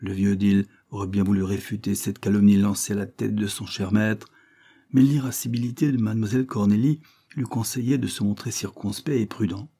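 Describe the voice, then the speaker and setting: Brief: male audiobook narrator, low, dark and husky, measured. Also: steady tone. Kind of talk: scripted narration.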